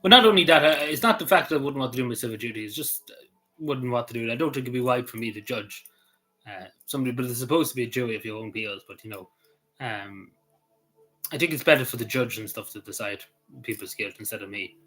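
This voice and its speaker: Answering viewers during a livestream, an Irish YouTuber talks fast and rambles, restarting sentences and leaning on "you know." His medium-pitched voice has a sharp tone, and the recording is rough.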